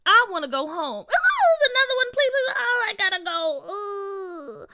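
A woman's voice: high-pitched, sing-song, normal speed, noisy background, pitched above the performer's own voice. A woman voicing a frightened young schoolgirl who whimpers, shrieks and pleads about bugs. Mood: whiny pleading. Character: frightened young schoolgirl, dramatic and bug-hating.

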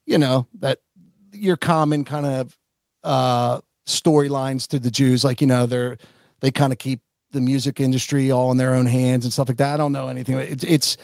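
A man's voice: medium pitch, steady tone, normal speed, creaky, darkish tone, dry recording, clean studio sound. A man co-hosting a podcast in casual chat, rambling with many fillers and restarts. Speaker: podcast co-host.

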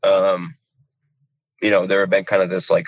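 A man in his forties, from rural Georgia, talks with a low voice and a loose, enthusiastic ramble, full of "you know" and "man". He's a pastor chatting casually. The sound is dry and a little dull, like a lo-fi recording. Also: little pitch movement, normal speed, no room sound. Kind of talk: casual conversation.

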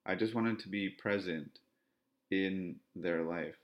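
Here an Ontario man hosting a podcast speaks in a flat, measured monologue, repeating phrases and admitting to a monotone. His voice is low, and the high frequencies are cut off.

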